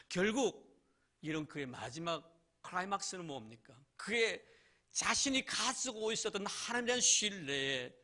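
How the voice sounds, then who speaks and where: A man's voice: high voice, bright, forceful tone. A male pastor preaching a sermon in church, asking rhetorical questions and addressing the congregation directly.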